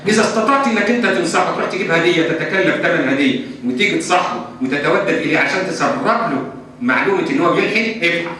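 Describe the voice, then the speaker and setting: A man's voice: on the high side, animated, very fast, bright, forceful tone. A man with an Egyptian accent answering religious questions in a lesson, emphatic and mixing formal and colloquial speech. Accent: Egyptian Arabic. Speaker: Islamic scholar answering questions. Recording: echoey hall from far off, faint hum.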